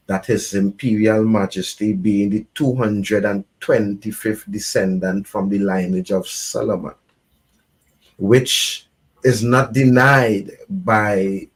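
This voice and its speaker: A man from Trinidad and Tobago, a reggae artist and guest, speaking at length in a measured, earnest way. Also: fairly low pitch. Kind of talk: reflective conversation.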